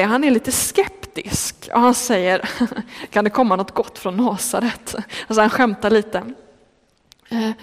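A woman preaching a sermon in a church, speaking slowly and with emphasis, lingering on repeated phrases. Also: on the high side. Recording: long church reverb.

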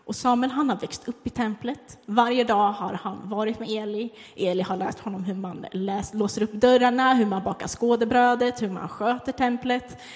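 A woman preacher giving a conversational devotional talk that retells a Bible story, with fillers and restarts. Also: fairly high pitch. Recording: echoey hall with long reverb.

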